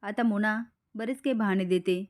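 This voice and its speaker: A woman retelling a TV serial episode, briskly quoting each character. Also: mid-range voice.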